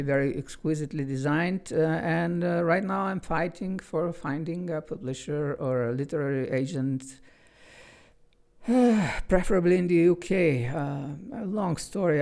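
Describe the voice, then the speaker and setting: Speaking with a Bulgarian accent, a man from Bulgaria opens with earnest chatter before reading aloud from a children's book he wrote. His voice runs on the high side, creaky and with a darkish tone.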